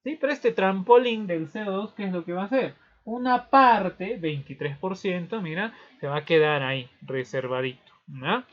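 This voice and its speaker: A man's voice: high-pitched, animated, normal speed, few pauses. A male teacher giving a physiology review, explaining with playful storytelling and frequent tag questions. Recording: dull lo-fi recording.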